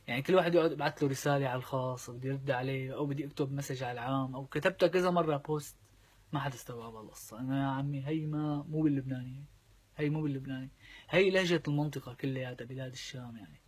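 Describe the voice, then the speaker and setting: A Syrian man with a Syrian Arabic accent, a singer chatting casually to camera and explaining his point with quick sung examples. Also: medium pitch, breathy edge. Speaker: singer and vlogger.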